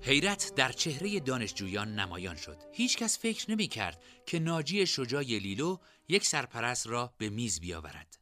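A man narrating a novel in an expressive storytelling manner. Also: mid-range voice, hardly any pauses, soft background music.

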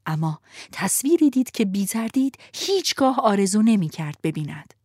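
A woman narrating a storybook in an expressive, animated way. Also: mid-range voice, breathy edge, no echo, clean studio sound.

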